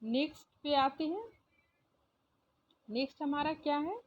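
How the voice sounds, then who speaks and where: A woman teacher with an Indian accent slowly spelling out and repeating English words for children, mixing in Hindi explanations. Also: high-pitched. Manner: slow, deliberate spelling out of words letter by letter. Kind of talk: phonics reading lesson for children. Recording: dull lo-fi sound.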